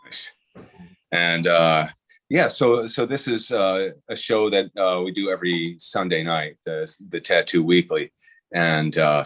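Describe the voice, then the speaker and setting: A man hosting a casual video-call interview, talking haltingly with lots of fillers and restarts. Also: deep voice, fairly bright tone. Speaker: host.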